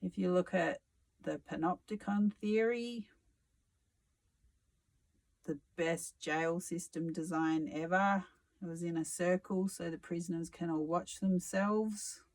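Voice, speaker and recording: A tarot reader talks through a solo reading in a slow, unhurried way. The delivery is musing and reflective, with dry sarcasm and casual swearing, and the voice sits at a middling pitch. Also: steady tone, poor audio.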